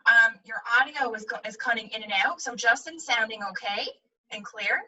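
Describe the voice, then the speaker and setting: A woman's voice: fairly high pitch, normal speed, pushed and bright, slightly rough, muffled recording. A woman moderating an online session, politely and matter-of-factly flagging a technical issue, heard over a conference call line. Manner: polite, apologetic, matter-of-fact. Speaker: webinar moderator. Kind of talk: brief technical note to the panel. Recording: distant, thin conference-call audio.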